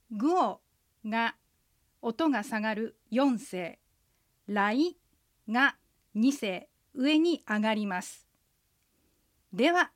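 A woman, an interpreter guide, co-hosting a radio language lesson and leading the listeners through patient, clear pronunciation drills. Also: a little high, a bit bright, no echo, clean studio sound.

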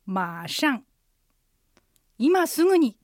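Higher-voiced woman teaching on the radio. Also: big pitch swings, no echo, clean studio sound. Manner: patient, explanatory, slows down for pronunciation. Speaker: licensed interpreter guide and Chinese teacher. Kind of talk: radio language lesson. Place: radio studio.

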